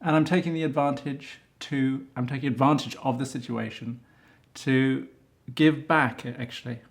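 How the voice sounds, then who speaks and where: A man's voice: mid-range voice, steady tone, normal speed, vocal fry. A middle-aged man hosting a casual interview, chatty and teasing, laughing easily. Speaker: interviewer, fashion photographer.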